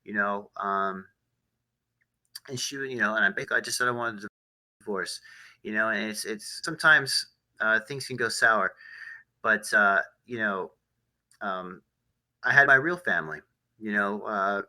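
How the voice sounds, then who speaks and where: A man hosting a casual discussion podcast, talking in a halting way with many fillers and restarts. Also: lowish voice, pushed and bright, poor audio. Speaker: podcast host.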